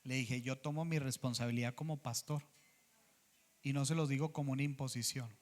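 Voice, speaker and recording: A man's voice: medium pitch, fairly even intonation, brisk. A man preaching a sermon as pastor, earnest, often acting out what people said to him. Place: church sanctuary.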